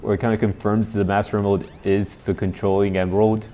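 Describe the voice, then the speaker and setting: A man with a somewhat dopey-sounding voice gives casual, halting playthrough commentary, rambling and repeating himself. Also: lowish voice, flat delivery, warm tone. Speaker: gameplay commentator. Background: video game music.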